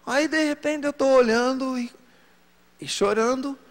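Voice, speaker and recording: A man preacher telling a story from the pulpit in an animated sermon. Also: measured pace. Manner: storytelling, animated pitch swings. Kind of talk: sermon testimony. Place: church hall. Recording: long hall reverb.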